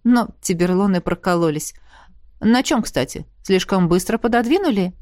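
A woman voicing a calm, playful grown man, a rector who teases and coaxes in a soft, lowered voice. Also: moderate pace, dry recording, clean studio sound, lightly acted. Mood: teasing. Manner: soft, lowered, easygoing and coaxing.

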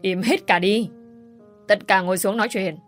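A woman's voice: medium pitch, quick pace, lightly acted. A woman voicing a stern middle-aged father-in-law giving commands, with faint music behind.

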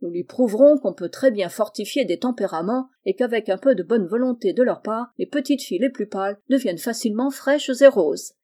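A woman reading the part of a kindly middle-aged uncle and doctor, speaking in a gentle, reassuring way. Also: mid-range voice, animated, fairly quick, hardly any pauses, lightly acted. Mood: tender.

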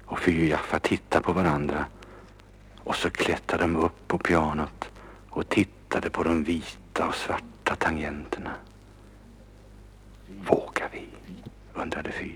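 A man reading a children's story aloud, lively and expressive, sometimes dropping to a whisper. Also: very deep voice, husky. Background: instrumental music.

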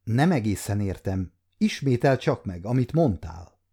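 A man in his fifties voicing a dignified medieval king who speaks in a measured, commanding way. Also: fairly low pitch, very animated, creaky, mellow, husky, full character voice. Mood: stern. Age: 50s.

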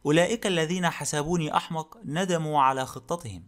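A man voicing a polite, fastidious male detective who speaks calmly and courteously in an audiobook. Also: fairly high pitch, natural voice. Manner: calm, courteous and measured. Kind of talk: audiobook character reading.

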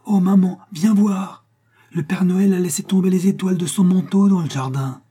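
A man voicing an excited small boy on Christmas morning, chattering eagerly. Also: on the high side, normal speed, slightly rough, voice pushed up.

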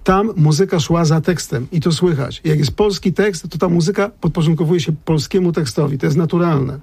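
A man's voice: a little high, normal speed, creaky, darkish tone, breathy edge, no echo. A man, a lyricist and translator, talking thoughtfully on a radio show, often restarting his sentences. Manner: thoughtful, digressive, many restarts. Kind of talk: radio conversation.

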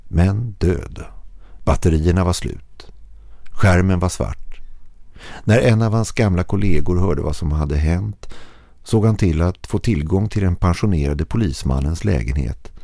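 Deep gravelly male horror narrator. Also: warm tone, no room sound, studio quality. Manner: slow, somber storytelling.

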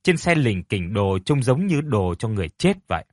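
A man narrating a folk story in an expressive, measured way. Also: lowish voice, no echo, clean studio sound.

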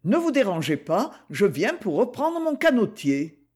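A rich young man, as a woman reader puts him on, jaunty and bantering in a storybook reading. The voice stays near the reader's own pitch, slow and unhurried. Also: very animated, a little mellow, husky. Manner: bantering, pleading.

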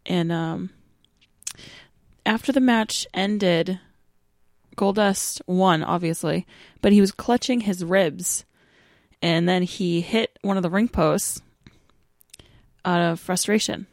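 A woman recaps a wrestling match in a plain, matter-of-fact way. Her voice sits fairly low, and the sound is dry and close. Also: takes it slowly, pauses often, dry recording. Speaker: podcast co-host. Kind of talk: casual wrestling chat.

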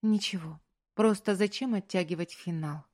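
A woman's voice: medium pitch, moderate pace, darkish tone, natural voice. A woman reading an audiobook, voicing a hurt, defiant young woman who pleads through tears in a raised voice. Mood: tearful.

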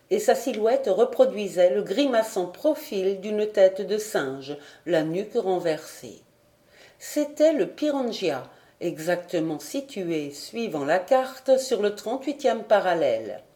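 A woman reading a classic adventure novel aloud in a clear, measured narration. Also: medium pitch, big pitch swings, dark tone. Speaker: audiobook reader. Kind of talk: scripted narration.

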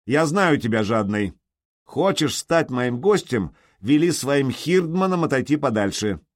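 A man voicing a gruff jarl who shouts curt, defiant answers from a fortress wall in an audiobook. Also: medium pitch, sing-song, measured pace, pitched above the performer's own voice.

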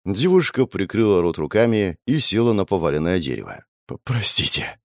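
Expressive low-voiced male storyteller. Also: brisk, dry recording, studio quality. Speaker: narrator. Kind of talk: first-person audiobook narration.

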